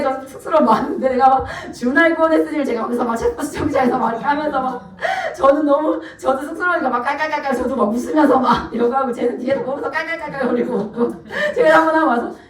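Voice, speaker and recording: A middle-aged woman with a fairly high voice tells lively personal stories at a parent seminar, laughing often and addressing the audience directly. She is heard from some distance in a roomy, echoing hall. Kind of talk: live lecture with personal stories. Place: live event hall. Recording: echoey hall, distant mic.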